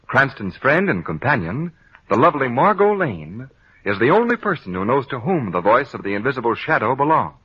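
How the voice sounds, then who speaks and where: A man's voice: medium pitch, very animated, fairly quick, slightly rough. An American man announcing in the emphatic style of an old radio announcer, reading introductions and sponsor copy. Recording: dull, band-limited old radio broadcast.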